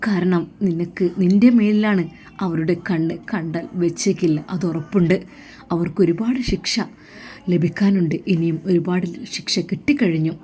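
A woman's voice: lowish voice, normal speed, dark tone, lightly acted. A woman voicing a caring man, a respected teacher, urging a young woman earnestly. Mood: urgent. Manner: earnest, urgent pleading.

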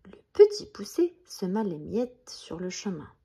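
Lady reading a bedtime story, soft half-whispers, mellow breathy voice. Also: medium pitch, sing-song, unhurried. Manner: gentle, often half-whispered.

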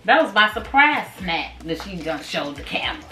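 A woman's voice: medium pitch, sing-song, moderate pace. A middle-aged woman hosting a family snack-tasting video, teasing and laughing bluntly as she chats at home. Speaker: family channel host. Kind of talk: casual snack-tasting chat. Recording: echoey room.

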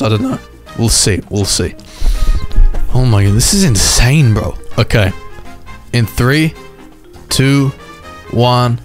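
A young man giving excited, hyped commentary over races in a video game, throwing in "bro" and jumping up to shouts when things happen. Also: medium pitch. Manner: hyped, says "bro" a lot, jumps into shouts at race finishes. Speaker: gaming YouTuber.

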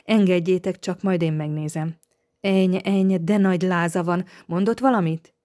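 A woman voicing a gruff, practical old professor who speaks curtly and gives orders. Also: lowish voice, fairly even intonation, mellow, natural voice. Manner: curt, gruff and commanding.

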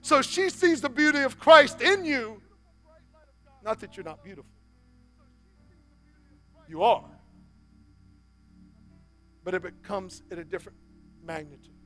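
A pastor in his forties delivers his sermon slowly, pausing often, in an extremely high-pitched voice. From the church stage he goes from loud exhortation down to near-whispered appeals.

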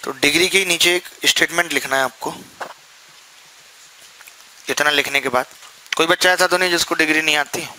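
A man's voice: on the high side, moderate pace, pauses often, bright, forceful tone, slight background noise, poor audio. A young man teaching a maths class, asking the students questions and answering them himself, with jokey, chatty asides. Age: young adult. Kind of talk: classroom lecture.

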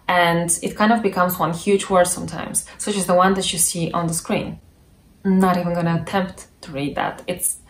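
A woman's voice: on the low side, reverberant, slight background noise. A woman giving a casual, reassuring explainer about learning a language, chatty with frequent asides. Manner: chatty, reassuring, many "you know" asides.

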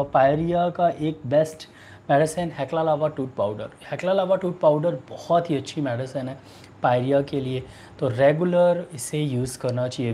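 A man in his thirties with an Indian accent, a doctor answering viewer questions in a halting, repetitive way. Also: a little high, mellow, slight background noise. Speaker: homeopathic doctor hosting a live online clinic. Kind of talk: answering viewer questions, giving remedy advice. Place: small furnished room indoors.

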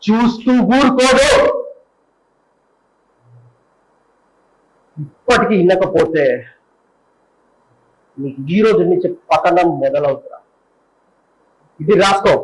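A man in his twenties introducing himself at an audition, briskly listing his details and experience. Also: sits high, poor audio. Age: 20s. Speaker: auditioning actor. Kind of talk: self-introduction. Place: audition studio indoors.

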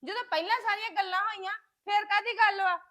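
A woman plays a stubborn young woman who keeps insisting on her demands. Her voice is very high and bright. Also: steady tone, fast talker. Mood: resentful. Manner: insistent, complaining. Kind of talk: amateur family drama acting.

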